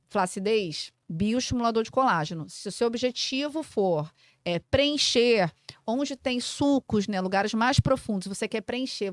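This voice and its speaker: This mid-range voice belongs to a woman in her forties from Brazil, a physiotherapist who runs her own clinic. On a relaxed podcast, she walks listeners through treatments in a didactic way, leaning on easy comparisons and frequent fillers, in a dry recording.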